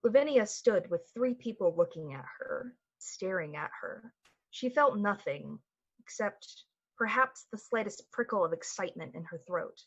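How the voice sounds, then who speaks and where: Husky and animated, this mid-range female voice keeps a moderate pace while narrating a tense summer-night tale like a 1940s radio play. The suspense is measured. Sound comes through slightly muffled, with music underneath.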